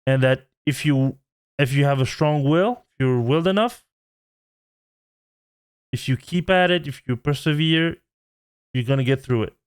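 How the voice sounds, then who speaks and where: A man's voice: medium pitch, moderate pace, long pauses, clean tone. A man in his twenties, a channel host, giving an earnest, pleading vlog rant. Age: 20s.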